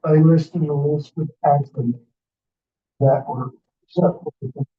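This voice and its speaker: A man's voice: a little high, steady tone, unhurried. A man taking part in a board meeting, explaining things in plain meeting talk over dull video call audio.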